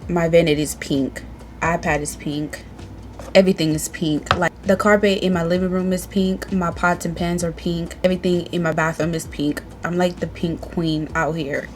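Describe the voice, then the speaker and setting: Sassy, playful woman vlogger, lowish voice. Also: level tone, moderate pace, slight background noise. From Tanzania. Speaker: beauty vlogger. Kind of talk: casual sit-down chat to camera. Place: indoors at home, reading from a tablet.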